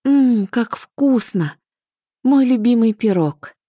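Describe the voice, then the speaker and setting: A stubborn young woman in an audiobook, arguing in a bright, bouncy way, as a woman reads her. The lines jump up in pitch and stay lively. The reading is close and dry. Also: takes it slowly, dry recording. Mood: playful. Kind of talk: audiobook character voice.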